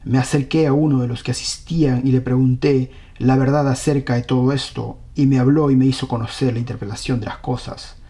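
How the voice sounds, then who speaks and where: A man's voice: medium pitch, steady tone, a little fast, hardly any pauses, mellow. A man preaching a sermon, reading scripture aloud and earnestly questioning his congregation.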